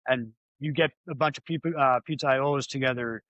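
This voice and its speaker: Mid-pitched man hosting a casual podcast. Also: a little fast, a bit bright, no echo, dull audio. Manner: easygoing, asks long rambling questions. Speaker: podcast host.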